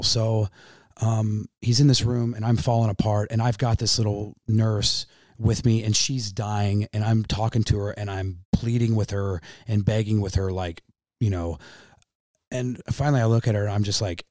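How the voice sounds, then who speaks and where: This Midwestern American guest on a podcast, a man in his thirties, stumbles through an emotional story, repeats himself, and keeps calling the host "man." His lowish, darkish voice has fairly even intonation, captured dry at studio quality.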